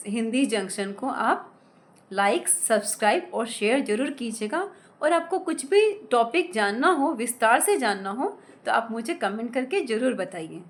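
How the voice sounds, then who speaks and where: Lively, slow-spelling woman grammar teacher. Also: a little high. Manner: slow, careful syllable-by-syllable spelling of words; asks questions and answers them herself. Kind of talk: explaining lesson with examples.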